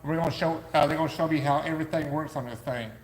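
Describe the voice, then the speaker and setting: A man's voice: fairly even intonation, fast talker. Upbeat man in echoey warehouse. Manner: enthusiastic salesman-like pitch. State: losing his voice. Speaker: podcast co-host, business owner. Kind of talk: casual live podcast chat.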